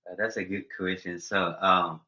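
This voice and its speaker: Low-voiced young man from Somaliland. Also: little pitch movement, normal speed, bright, forceful tone, rough recording. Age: young adult. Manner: earnest, searching for words with frequent fillers. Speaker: guest, college senior. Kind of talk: casual interview answers.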